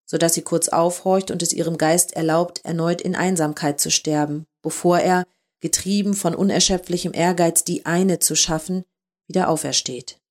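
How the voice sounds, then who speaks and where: A woman reading a dark short story aloud in a calm, measured narration. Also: fairly low pitch. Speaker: story reader.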